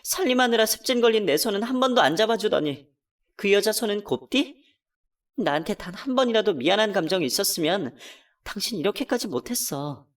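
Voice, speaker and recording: A woman plays a betrayed wife who tells her own story in a radio drama. Her pitch swings widely as she accuses and pleads. The mic sits a little distant. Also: expressive, brisk, close to an everyday voice. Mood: angry hurt. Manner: emotional, accusing, pitch climbing when upset. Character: betrayed wife, hurt and furious. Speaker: narrator and voice actor. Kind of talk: first-person radio drama narration.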